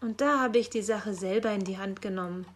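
A woman's voice: mid-range voice, fairly quick, slight background noise, close to an everyday voice. A woman voicing a naive, clumsy young lad. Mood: explaining.

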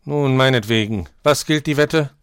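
A man voicing a mocking, boastful male hare in a read-aloud fable, scornful and loud. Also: medium pitch, moderate pace, clear, resonant tone, no echo, studio quality, voice pushed up, lightly acted. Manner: scornful, sneering.

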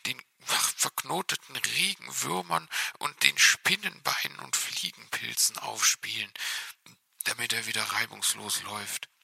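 A man's voice: mid-range voice, steady tone, measured pace, vocal fry, husky, dry recording, pitched below the performer's own voice, exaggerated voice. A man voicing a timid young male fox cub in a whispered role-play within a storybook reading. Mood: hushed. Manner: hushed, conspiratorial.

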